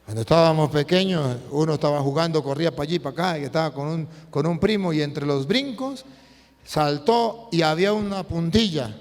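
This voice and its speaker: Priest guy preaching, highish voice, jumps loud and soft a lot, long echo tail. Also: a little fast. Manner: animated storytelling with sudden swings in pitch and loudness. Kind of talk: preaching sermon. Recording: long hall reverb.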